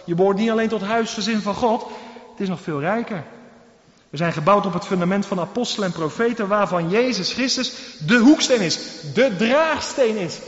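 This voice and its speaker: A man's voice: high voice, moderate pace. A man preaching a sermon from the pulpit in a church, emphatic and full of rhetorical questions. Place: church hall. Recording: echoey church hall, dull sound.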